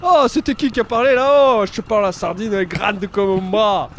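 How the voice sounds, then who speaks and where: A man voicing a boastful fisherman from Marseille with a Marseille accent, telling tall tales loudly. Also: high-pitched, a little fast, voice pushed up.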